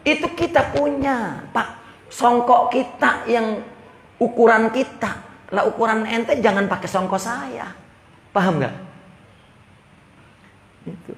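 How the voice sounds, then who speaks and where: Guy teaching an old arabic book, pretty high voice, throws in street slang a lot. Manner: lively, mixes Arabic phrases and Jakarta slang. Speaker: religious teacher. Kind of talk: lecture on a classical Arabic text. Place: religious study gathering.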